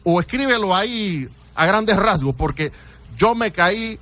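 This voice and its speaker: A man's voice: sits high, lively intonation, a little slow, bright, forceful tone. A man hosting a radio call-in show, talking emphatically and theatrically and urging listeners to pay attention. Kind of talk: radio call-in talk on history.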